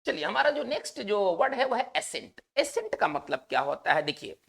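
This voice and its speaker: A woman's voice: mid-range voice, very animated, fairly quick, gravelly, slightly rough. A woman teacher giving an exam vocabulary lesson, explaining patiently and repeating herself while checking that her listeners follow.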